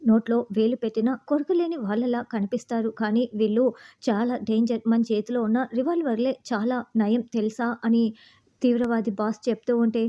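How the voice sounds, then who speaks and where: A woman's voice: on the high side, a little fast. A woman narrating a recap of a TV serial, steadily retelling each scene in turn. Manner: steady retelling with "then" links.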